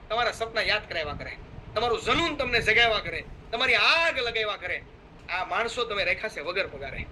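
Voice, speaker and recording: Fervent, bright-voiced middle-aged man. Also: high voice, a little hiss or hum, low-quality recording. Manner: fervent, exhorting, acts out quoted friends. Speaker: motivational speaker. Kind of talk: motivational talk.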